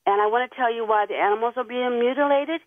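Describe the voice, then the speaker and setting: A woman's voice: fairly high pitch, fast, no room sound. A woman calling in to a radio show over the phone, telling a rambling story in a nervous, earnest way. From Tennessee. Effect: phone line. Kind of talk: call-in radio chat. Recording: tinny phone line.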